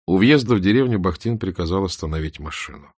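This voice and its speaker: Мужик читает аудиокнигу, низкий голос, ровно и спокойно, сухо записано. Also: male voice, sits low, no room sound, clean studio sound. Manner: calm, measured. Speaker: audiobook narrator. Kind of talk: scripted narration.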